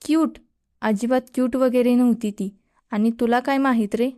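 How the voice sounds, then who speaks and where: A woman's voice: fairly high pitch, fairly even intonation, normal speed, warm tone, dry recording, studio quality, lightly acted. A woman voicing an irritable young male college student who snaps and grumbles. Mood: irritated. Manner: snapping and grumbling.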